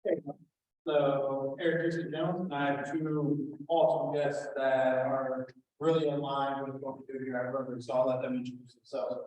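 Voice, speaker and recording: A man introducing his guests at a club meeting, friendly and a little halting, on a handheld microphone. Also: medium pitch, level tone, darkish tone. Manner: friendly, with filler words. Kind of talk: casual spoken introduction. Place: large meeting room. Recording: very echoey room.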